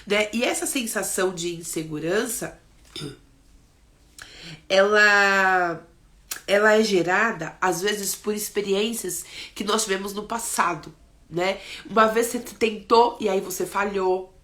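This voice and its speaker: A woman's voice: medium pitch, slow pace, a bit bright. A woman with a Brazilian accent giving an emphatic motivational talk, often checking in with "né?". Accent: Brazilian Portuguese. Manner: earnest, emphatic, admonishing, with many "né?" tags. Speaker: speaker on insecurity and parenting.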